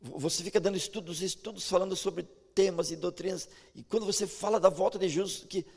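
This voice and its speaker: A man's voice: high-pitched, fast talker, creaky. A Brazilian man preaching a sermon with a Brazilian Portuguese accent, telling personal stories and often stammering into restarts. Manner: storytelling, animated, frequent stammered restarts. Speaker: pastor. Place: large church hall. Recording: echoey church hall.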